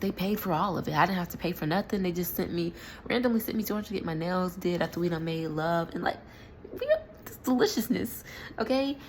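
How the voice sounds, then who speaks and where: An animated young woman tells a casual vlog story in a fairly low voice, full of slang and quick asides. She laughs often and jumps up high when something surprises her. A faint hum of noise sits behind her. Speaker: vlogger.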